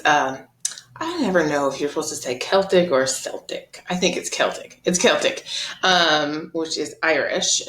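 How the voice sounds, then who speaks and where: A woman teaching an art lesson over slides, explaining in a relaxed, chatty way with frequent ums and uhs. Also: low-pitched. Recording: roomy echo.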